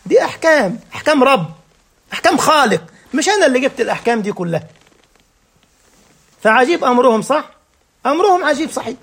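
A man's voice: very high voice, fairly bright tone. A man with an Egyptian accent teaching a religious lesson, firing rhetorical questions and checking that his listeners follow. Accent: Egyptian Arabic.

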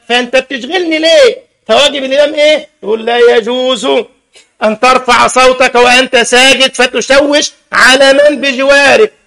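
An Egyptian imam preaches to his congregation in a very high, gravelly voice. His tone is bright and sharp, and he keeps firing rhetorical questions and teasing listeners in the mosque. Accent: Egyptian Arabic. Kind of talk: mosque sermon.

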